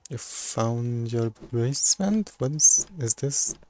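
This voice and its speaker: A man's voice: mid-range voice, expressive, slow, dark tone. A man giving casual gameplay commentary into a desktop microphone, rambling and often stumbling over and correcting his words. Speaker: gamer playing on a recording.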